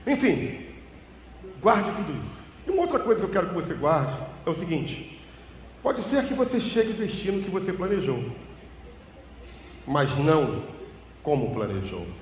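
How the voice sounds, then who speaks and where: Emphatic pastor in echoing church. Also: male voice, big pitch swings, moderate pace, pauses often. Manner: emphatic, swings pitch and volume widely for effect. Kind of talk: sermon with personal testimony. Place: church hall. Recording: echoey reverberant church hall, faint hum.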